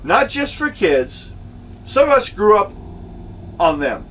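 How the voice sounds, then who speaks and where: A man's voice: sits high, big pitch swings, slow pace, a bit bright. A middle-aged man delivering an opinionated back-in-my-day rant in an indignant, emphatic, grumbling fan's manner. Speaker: vlogger and amateur filmmaker. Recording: distant mic with faint background noise.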